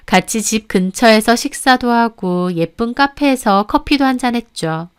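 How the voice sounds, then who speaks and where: Clear-voiced woman narrating a story. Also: mid-range voice. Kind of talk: first-person story narration.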